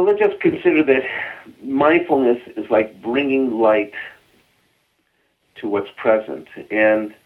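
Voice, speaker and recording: Boston-accented man on a phone line. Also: mid-range voice. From Boston area, US. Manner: earnest, repeats words when starting sentences. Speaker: mindfulness expert guest. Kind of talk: radio interview.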